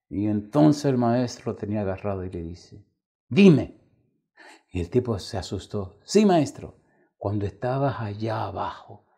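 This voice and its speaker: Pastor, male, low husky voice, dramatic sermon delivery, shifts between booming and hushed. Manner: dramatic storytelling, swings from loud to hushed.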